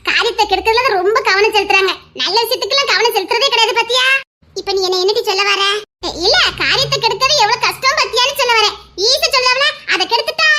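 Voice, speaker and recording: A young woman, voicing a cheeky village woman in loud, laughing, bickering audio-drama banter. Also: very high voice, noisy background. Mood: teasing.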